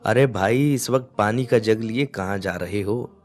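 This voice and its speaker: A man's voice: on the low side, a little slow, soft background music, lightly acted. A man voicing an eager, talkative young male cousin.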